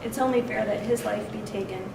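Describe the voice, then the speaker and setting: A woman victim advocate reading a victim impact statement aloud in a steady, measured way, captured in a courtroom recording. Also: mid-range voice, vocal fry. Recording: echoey courtroom, distant mic, noise.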